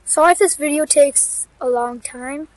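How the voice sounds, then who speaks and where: A woman's voice: high voice, normal speed, a little mellow, a little hiss or hum. A woman explaining what an outdoor experiment should do, hesitant and correcting herself. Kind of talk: casual science demo.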